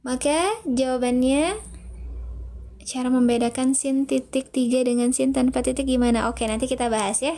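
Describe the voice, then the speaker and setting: A woman's voice: high-pitched, a little mellow. A woman teaching Quran recitation in an online lesson, patiently explaining step by step and reading out viewers' answers. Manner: patient, explains step by step, reads chat names aloud.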